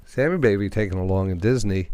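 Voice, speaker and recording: Man, New York accent, deep voice, live trading commentary, talks to himself. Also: quick pace, darkish tone, dry recording. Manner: thinks aloud, talks to the market and himself. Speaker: day trading radio host.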